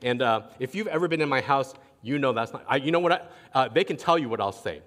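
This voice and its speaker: A man preaching a sermon as pastor, telling stories in an animated way and acting out what others say. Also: mid-range voice, fast. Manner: animated storytelling, acting out quotes. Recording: long reverb of a large hall.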